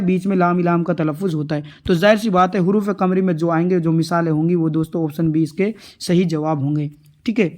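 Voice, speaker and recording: Male tutor, high voice, explains answers step by step with rhetorical questions. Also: darkish tone. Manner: repetitive, rhetorical questions, addresses viewers as friends. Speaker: exam tutor. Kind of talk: answer-key lesson.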